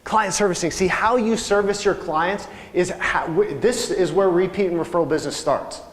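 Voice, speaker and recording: In a reverberant training room, a man with a high-sitting voice runs a live real estate sales training at normal speed. He keeps it conversational and asks the audience questions, and the live room recording carries long reverb.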